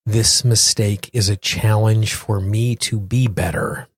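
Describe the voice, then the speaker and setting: A man hosts a solo podcast with guided affirmations, his voice fairly low and slightly husky. He speaks earnestly and deliberately, often repeating for emphasis, and the recording sounds close and dry.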